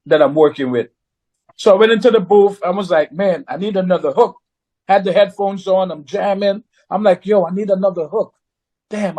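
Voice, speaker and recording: A man with a notably high speaking voice tells a story in a relaxed, conversational way. He is animated and slips into other people's voices when he quotes them. He sounds middle-aged. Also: rough recording. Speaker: recording artist guest. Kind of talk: casual storytelling.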